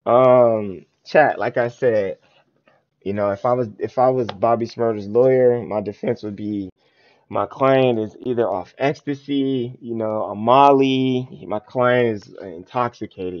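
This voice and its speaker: Streaming live, a man reacts to a music video in loose, slang-heavy talk aimed at his chat, often tossing out filler questions to viewers. His mid-range voice is unhurried, and the stream audio sounds dull and lo-fi.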